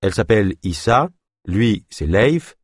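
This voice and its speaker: An earnest grown man leading his small group, as a male narrator voices him, asking questions in a low, direct voice. The reading is close and dry, with lively rises and falls in pitch. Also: unhurried, breathy edge, no echo. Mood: questioning.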